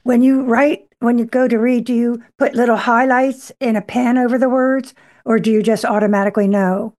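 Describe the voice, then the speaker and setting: A woman's voice: fairly high pitch, fairly even intonation, moderate pace, darkish tone. A woman hosting a poetry interview program, emphatic and familiar in her way of talking. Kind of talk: conversational interviewing and program announcements.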